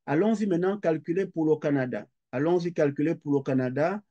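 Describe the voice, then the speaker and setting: The sound is lo-fi, and the speaker is a middle-aged man from Quebec whose voice is on the high side yet dark in tone. He delivers a recorded lecture, methodically and slowly stepping through calculations and repeating every figure aloud while writing.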